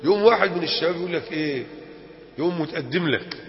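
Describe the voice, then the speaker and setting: A man with an Egyptian accent teaching a colloquial religious lesson, animated and full of rhetorical questions to his listeners. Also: fairly high pitch, fast talker. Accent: Egyptian Arabic. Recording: echoey hall, dull lo-fi.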